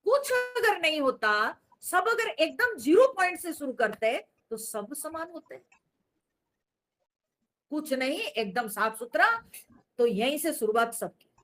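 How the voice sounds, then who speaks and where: A woman's voice: high-pitched, very animated, takes it slowly, fairly bright tone. A woman teaching in a spiritual discourse, explaining patiently, asking rhetorical questions and dropping in English phrases.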